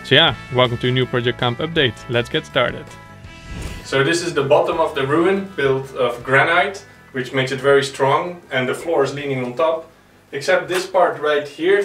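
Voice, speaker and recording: With a mid-range, slightly bright voice, a young renovation vlog host narrates and explains the project in a plain, matter-of-fact manner.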